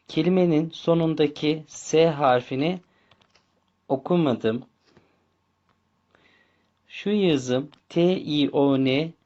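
A man teaching a language lesson, speaking slowly, repeating words and spelling out letters one by one. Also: fairly high pitch, a little mellow, muffled recording. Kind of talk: slow bilingual language lesson.

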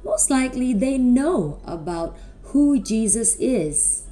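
Woman doing kids show host talk, slow and animated, simple questions, faint music behind. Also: on the high side. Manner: animated, simple questions and drawn-out words for children. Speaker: children's presenter at a school Christmas service.

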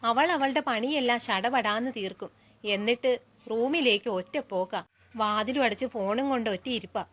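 A woman playing a sharp-tongued middle-aged mother who scolds and gossips about her daughter-in-law in a comedic short film. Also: fairly high pitch, moderate pace. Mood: gossiping.

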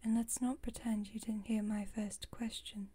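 A woman acts as a haughty, playful vampire, whispering breathily and mellowly at medium pitch and a moderate pace, only lightly acted. The fairly even delivery, typical of an intimate ASMR roleplay, carries formal, wry teasing and protectiveness. She sounds concerned and blunt.

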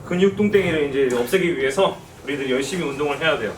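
A man giving playful, theatrical gameplay commentary and coaching as host, quick to break into excited squeals. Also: a little high, far from the mic, noisy background. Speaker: host, voice actor playing a game. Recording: echoey room, off-mic, loud game music.

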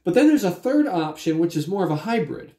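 A man's voice: high voice, very animated, a little fast, warm tone. A man in his forties with a cold, talking casually and explaining things with a lozenge in his mouth. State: getting over a cold. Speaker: magician discussing technique. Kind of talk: casual explanatory vlog talk. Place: timber-framed dining room at home, indoors. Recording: roomy echo.

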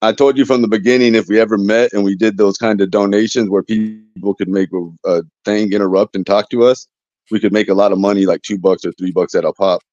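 A man's voice: fairly low pitch, fairly even intonation, brisk, darkish tone, no echo. A young man hosting a casual livestream chat from his phone, rambling and joking with lots of fillers. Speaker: livestream host. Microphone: phone close to face. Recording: dull lo-fi stream audio.

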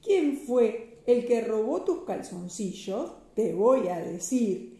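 A woman voicing a playful male monkey in a children's storybook reading, talking quickly and protesting. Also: fairly high pitch, sing-song, dark tone, echoey room. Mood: confiding.

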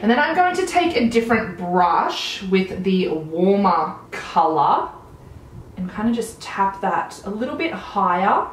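This Australian-accented woman in her thirties, a beauty vlogger, talks through a makeup tutorial at home in a small room, eager and chatty about the products. Her mid-range voice is sing-song and unhurried, captured in a rough recording with an echoey room sound.

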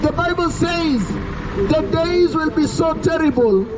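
A man, preaching an urgent open-air sermon by a busy road through a handheld mic and speaker. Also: extremely high pitch. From Kenya. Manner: loud, urgent preaching with drawn-out warnings. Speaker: street preacher. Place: roadside outdoors by a busy street. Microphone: handheld mic through a portable speaker, camera at a distance. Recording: street traffic noise, open air.

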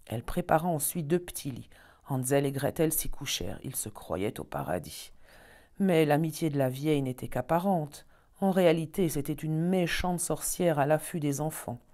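A woman storyteller reading a fairy tale aloud in an expressive, measured way. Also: low voice.

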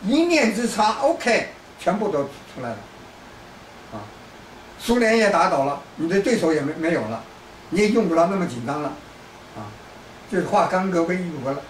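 Guy from china ranting on politics, voice sits high, lots of restarts, sounds far off in a roomy space with faint background noise. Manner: lecturing, repetitive restarts, hectoring asides. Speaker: political commentator. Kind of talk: rambling political monologue.

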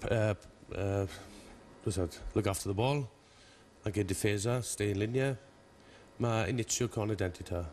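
A man in his forties, a native English speaker with English-accented Italian, speaking haltingly in a studio interview as a rugby coach and searching for words. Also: fairly low pitch, darkish tone, a little hiss or hum. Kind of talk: television interview. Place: television studio.

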